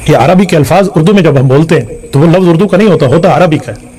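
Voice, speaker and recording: Dark-voiced man chiding in a sermon. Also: a little high, breathy edge. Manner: blunt, chiding. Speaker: Islamic scholar. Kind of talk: religious talk.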